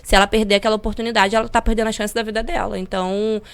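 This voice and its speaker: A woman's voice: mid-range voice, racing, vocal fry, smooth. A young woman talks at a breakneck pace, pushing her points with energy and conviction. She speaks as a podcast guest explaining how she sells. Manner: energetic and persuasive. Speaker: podcast guest, digital marketing affiliate. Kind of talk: podcast interview.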